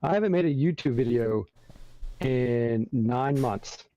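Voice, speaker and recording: A man talking casually on a video call as a podcast co-host. His audio glitches and warbles, slowing and breaking his words into halting fragments. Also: medium pitch, lively intonation, mellow. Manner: speech cut into halting broken fragments. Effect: glitching, warbling call audio that slows and breaks up. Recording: dull lo-fi online call line.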